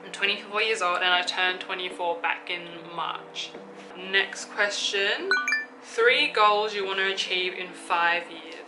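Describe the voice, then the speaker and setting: A young Australian woman in her twenties, a YouTuber, chats through a casual Q&A vlog, speaking slowly at a medium pitch and thinking aloud with plenty of fillers. She records in a room with an open window, background music plays, and the recording quality is low.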